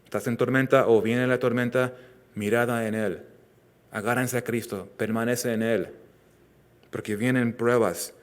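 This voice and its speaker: A man preaching a sermon as pastor, earnest, rising loud for emphasis and dropping soft and slow on tender lines. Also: mid-range voice, steady tone. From Southern California. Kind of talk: expository sermon.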